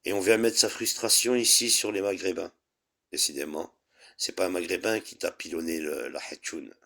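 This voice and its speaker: A man's voice: low voice, normal speed, creaky, sharp tone. Taunting man ranting. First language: Arabic. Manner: taunting, insulting, combative. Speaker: live stream host. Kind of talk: heated live-stream rant.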